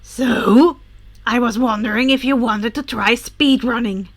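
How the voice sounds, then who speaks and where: A woman reading a fanfic aloud and voicing a foul-mouthed, irritable young male villain who talks gruffly and loudly. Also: a little high, measured pace. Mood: exasperated. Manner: gruff, swearing, loud. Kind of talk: podfic character voice.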